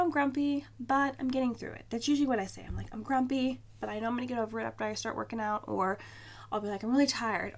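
A young woman hosting a solo podcast, talking in a chatty, candid way with lots of "like" and "um". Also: mid-range voice. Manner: chatty and candid, many fillers like "like" and "um". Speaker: podcast host. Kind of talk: casual solo podcast talk.

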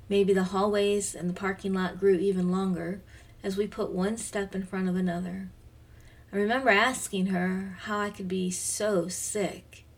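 A woman in her fifties reading her devotional aloud as podcast host. She speaks gently and reflectively, sometimes dropping to a soft near-whisper. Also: mid-range voice, vocal fry, breathy edge. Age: 50s. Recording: voice slightly distant from the mic.

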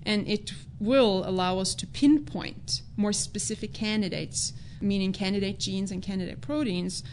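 A woman who grew up in Norway, a biologist answering interview questions in a measured, explanatory way. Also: mid-range voice, a little mellow, a little hiss or hum. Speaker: biologist guest.

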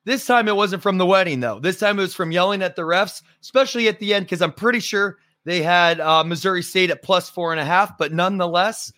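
A hoarse man hosting a sports podcast, chatty and joking with lots of fillers. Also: high voice, brisk, hardly any pauses, pushed and bright, dry recording, studio quality. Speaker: podcast host. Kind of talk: casual sports talk.

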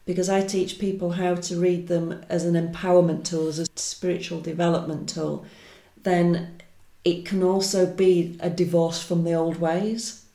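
A woman's voice: fairly low pitch, level tone, moderate pace, creaky, dark tone, reverberant. A woman hosting a podcast, chatting casually with a guest in an informal interview style. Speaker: podcast host and tarot teacher.

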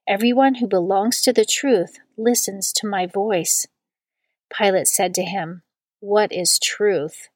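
A woman reading a long scripture passage aloud in a measured liturgical style, slowing down on the quoted words. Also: mid-range voice, dry recording. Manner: slow and deliberate on quoted words. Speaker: scripture reader.

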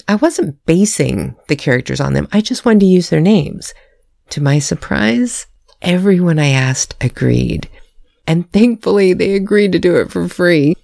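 An adult married woman with a low, gravelly, mellow voice, an author hosting her own podcast, reads a prepared personal talk. She is candid, wry, and self-deprecating, laughing at herself. The studio-quality recording has no room sound.

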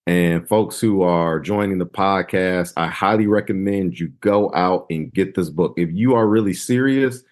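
A man hosting a podcast, talking in a lively, slangy, conversational way as he interviews a guest. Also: low-pitched, measured pace, hardly any pauses. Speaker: podcast host. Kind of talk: casual interview.

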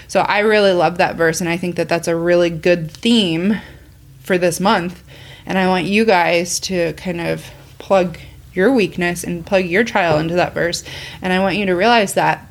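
A woman co-hosting a faith podcast, talking in an earnest, rambling way with restarts. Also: on the low side. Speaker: podcast co-host. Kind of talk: casual faith chat.

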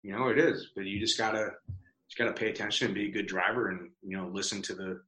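Guesting on a podcast interview, a man who founded a business talks fast and casually, peppering his speech with fillers and swearing. His lowish voice is pushed and bright with fairly even intonation, and the sound is roomy and echoey.

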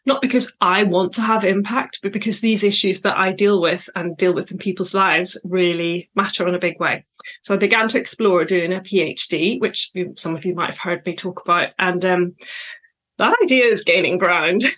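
A woman's voice: on the low side, normal speed, fairly bright tone. A woman, hosting her own podcast as a coach, talking in a chatty, reflective way that wanders off on tangents, with fillers and laughs. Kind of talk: solo podcast monologue.

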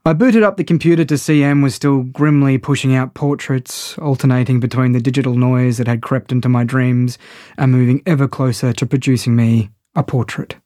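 A man's voice: medium pitch, fairly even intonation, fairly quick, mellow, no room sound, clean studio sound. A man narrating a first-person audio story in a wry, conversational way.

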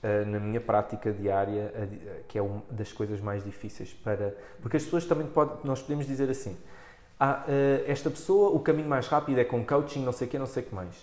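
A man's voice: mid-range voice, steady tone, quick pace, a little mellow. European Portuguese man talking in an echoey room. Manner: hesitant, thinking aloud, acts out clients' remarks. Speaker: interviewer and body practitioner. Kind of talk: casual podcast conversation.

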